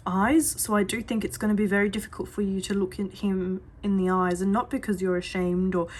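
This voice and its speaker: A woman's voice: mid-range voice, flat delivery, fairly quick, slightly rough. A woman giving a psychic reading, talking straight to her client in an earnest, reassuring way and repeating that she does see things. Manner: chatty, with many fillers and restarts. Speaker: psychic reader. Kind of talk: reading coffee grounds to a client.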